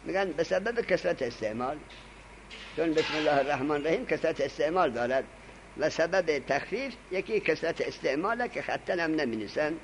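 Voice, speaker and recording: A man's voice: on the high side, lively intonation, slight background noise, poor audio. A man teaching an Arabic grammar lesson, lecturing emphatically and dictating notes to his students. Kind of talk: classroom lecture.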